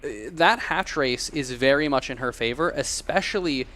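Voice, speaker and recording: Excited male esports color commentator. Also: medium pitch, normal speed. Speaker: esports caster. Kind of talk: live game commentary.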